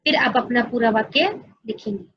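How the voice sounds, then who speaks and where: A woman's voice: on the high side, moderate pace, breathy edge, no echo, lo-fi sound. A woman teaching an online class to young children, explaining patiently step by step and often addressing them directly. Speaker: school teacher.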